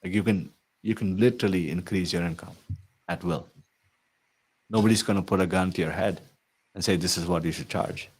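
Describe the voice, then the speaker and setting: A man's voice: deep voice, steady tone, fairly quick, pauses often, slightly rough. A man working as an IT consulting coach, talking earnestly and persuasively to viewers, often tagging sentences with "right?". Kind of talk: promotional talk to viewers.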